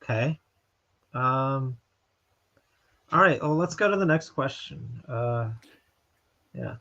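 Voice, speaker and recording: A man with a medium-pitched, expressive, sharp-toned voice speaks slowly, recorded with dull lo-fi sound. Co-hosting a live stream, he plays the interviewer in casual chat and role-play, sounding hesitant with fillers and repeated words.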